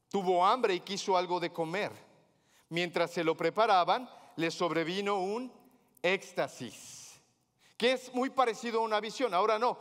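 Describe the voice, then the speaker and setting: A man preaching as a pastor, telling a story with humor and acting out the dialogue of its characters. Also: sits high. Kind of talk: sermon. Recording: hall reverb.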